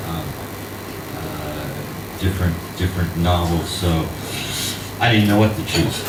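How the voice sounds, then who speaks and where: An actor by trade, this low-pitched man gets up in a cabaret bar to read fiction to a live audience. He begins with slow, hesitant, self-deprecating chat before settling into a measured, dry, wry reading. The recording sounds roomy and distant, full of heavy bar noise.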